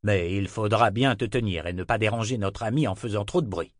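A man doing a firm gruff guardian. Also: fairly low pitch, brisk, no room sound, clean studio sound, close to an everyday voice. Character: firm adult male protector, gruff but kind. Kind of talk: audiobook character reading.

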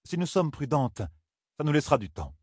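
A man's voice: fairly high pitch, very animated, brisk, darkish tone, slightly rough, no room sound, studio quality, voice pushed up. A man voicing a grave, sermon-like woman in an audiobook. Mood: solemn. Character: solemn preaching woman, sister of a secret order.

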